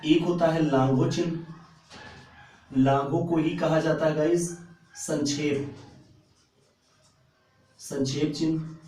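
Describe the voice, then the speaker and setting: A man's voice: a little high, a little mellow. A man teaching an exam-prep grammar lesson. He repeats key terms and keeps addressing his viewers as "guys". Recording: echoey room, voice far from the mic.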